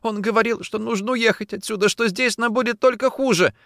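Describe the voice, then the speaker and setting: A man's voice: fairly quick, creaky, a bit bright, no echo, studio quality. A man voicing a sobbing, desperate young woman. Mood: tearful begging. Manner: sobbing, high-pitched, near hysterical. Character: distraught young woman, desperate, pleading lover. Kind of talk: audiobook character voicing.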